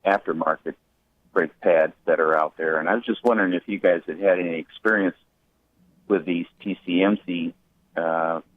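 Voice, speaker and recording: Deep-voiced man calling in by phone. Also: no echo. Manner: hesitant, with many fillers and restarts. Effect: heard over a phone line. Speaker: radio show caller. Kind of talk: calling in with a car question. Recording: tinny phone line.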